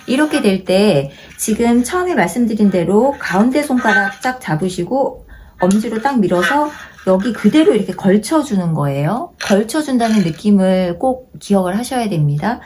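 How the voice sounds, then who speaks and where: A woman teaching a haegeum lesson, patiently repeating each instruction and slowing down to demonstrate. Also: mid-range voice, expressive. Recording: noisy home-video recording.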